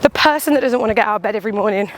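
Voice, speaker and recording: A woman talks candidly and casually while out on a run, animated and chatty, swearing lightly and acting out little imagined quotes as she goes. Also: medium pitch, very fast, background noise. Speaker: runner and vlogger. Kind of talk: casual chatty vlog monologue.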